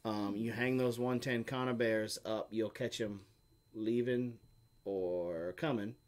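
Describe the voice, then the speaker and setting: A fairly low, steady voice with a slow pace and a slightly mellow quality belongs to a middle-aged man co-hosting a homestead live stream. In casual conversation and Q&A, he explains things in a meandering way, full of fillers.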